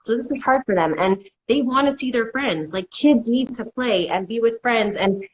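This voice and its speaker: A woman counselor speaking at normal speed in a fairly high voice gives casual mental health advice. She reassures by repeating "it's okay" and dramatizes worried inner voices as quotes. The recording is low quality, with a bit of background noise.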